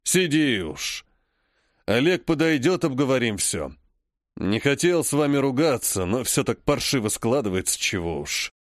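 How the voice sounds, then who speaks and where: A man voicing a grumbling old grandfather, the head of a noble clan, who speaks slowly and scolds. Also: mid-range voice, very animated, dry recording, clean studio sound, close to an everyday voice. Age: over 60. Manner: slow, grumpy, scolding.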